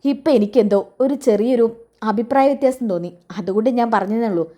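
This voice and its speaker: A woman's voice: a little high, fast, mellow, close to an everyday voice. A woman voicing a fussy, complaining male companion who follows his boss around. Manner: whiny, complains.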